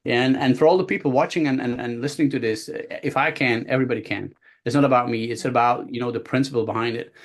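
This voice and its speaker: A man's voice: mid-range voice, quick pace. A Belgian-born man in his fifties shares his journey as a guest speaker over a video call. He tells it casually and with lots of energy, restarting his sentences often and acting out what other people said. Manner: animated, many restarts and acted-out quotes. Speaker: guest speaker, body language coach. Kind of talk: casual storytelling.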